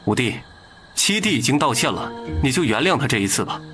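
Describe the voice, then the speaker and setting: An actor voicing a smooth, ingratiating, scheming prince hosting a banquet in an animated drama. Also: male voice, mid-range voice, a little fast, music in the background, lightly acted.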